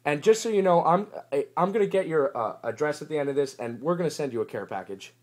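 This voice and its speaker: Man, polite stammering staffer, quick talker, high voice. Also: lively intonation. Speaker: staff member on the phone. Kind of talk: prank phone call.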